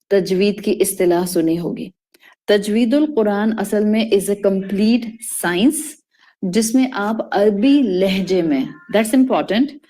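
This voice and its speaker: A woman with a warm, mellow voice delivers a religious lecture at a measured, explanatory pace. She teaches like an experienced Quran instructor and slips English terms into her sentences. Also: medium pitch.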